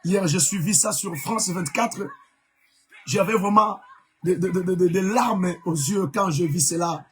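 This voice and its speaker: A man's voice: high-pitched, measured pace, fairly bright tone. A man from Congo preaching a live-streamed sermon as an evangelist, emphatic, repeating key words, with many fillers.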